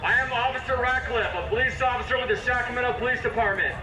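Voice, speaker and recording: A man's voice: very high-pitched, fast, heavy background noise. A man, a police officer, reads a stern, formal dispersal order amplified through a blasting sound cannon outdoors at a street protest.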